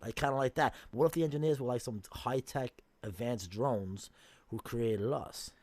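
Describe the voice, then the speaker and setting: A man hosting a laid-back podcast, thinking out loud in a rambling, speculative way. He swears casually and his voice is a bit rough from smoking. The recording is dry and close. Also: medium pitch, normal speed, dry recording. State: coughing from smoking. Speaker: podcast host. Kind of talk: casual chat.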